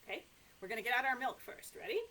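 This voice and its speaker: In a small room with a sofa, a middle-aged American children's librarian reads and chats with toddlers at story time, animated and exaggerated for her young audience. Her voice is a little high and her pace quick. A nearby camera in front of her captures it with poor audio.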